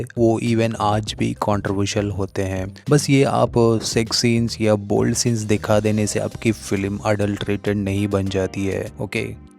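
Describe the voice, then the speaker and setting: A man's voice: lowish voice, creaky, a little mellow. A man casually giving a blunt, critical film review, mixing English phrases into his Hindi. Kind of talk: casual opinion vlog.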